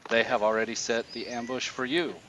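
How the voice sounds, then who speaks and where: A man's voice: medium pitch, fairly even intonation, brisk, bright, forceful tone, highs cut off, slight background noise, lightly acted. A man voicing a watchful talking raven in a tabletop fantasy game, making solemn, formal declarations. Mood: challenging. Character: watchful talking raven of the fey forest, sardonic and foreboding.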